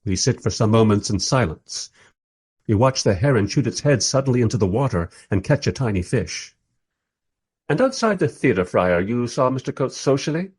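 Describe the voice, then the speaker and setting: A man plays a bemused documentary interviewer narrating his journey in a radio play, dry, reflective and self-deprecating. His medium-pitched voice is a little mellow and slightly rough, with lively intonation at a moderate pace, and the mood is wry.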